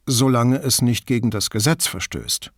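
A man's voice: mid-range voice, moderate pace, dry recording, clean studio sound, close to an everyday voice. A man reading an audiobook, voicing a curious, city-bred police inspector with a raised, eager, questioning tone. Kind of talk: audiobook character voice.

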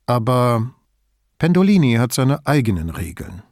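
A man voicing an older male police commissioner who speaks calmly and wryly. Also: medium pitch, unhurried, dry recording. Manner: calm, dry, wry. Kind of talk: audiobook character voice.

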